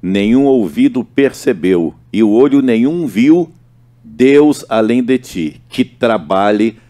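A man's voice: medium pitch, animated, slow pace, dark tone. A man, a pastor hosting a radio show, reading a verse aloud and chiming in with short replies.

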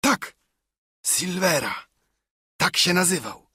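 A man's voice: sits high, takes it slowly, breathy edge, no room sound, studio quality, voice pushed up, full character voice. A man voicing a half-mad marooned castaway who is eager, wheedling and keeps repeating himself. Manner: excitable, pleading, repeats himself.

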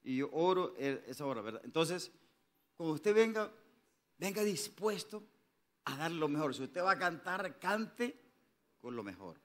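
A pastor preaches with a somewhat high voice. He tells stories with a playful, joking touch, then swells into loud, fervent calls for his congregation to answer him. His colours every line. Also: sing-song, unhurried, long pauses. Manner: jokey storytelling that builds to loud, fervent calls. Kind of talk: sermon. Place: church sanctuary.

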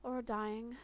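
Excitable high-voiced woman streamer. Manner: excitable, loud reactions, swears a lot. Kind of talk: live game stream commentary.

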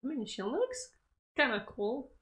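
A woman's voice: sits high, big pitch swings, measured pace, a bit bright. A young woman in a small bedroom giving casual reaction commentary to an anime episode, giggling and talking back at the screen.

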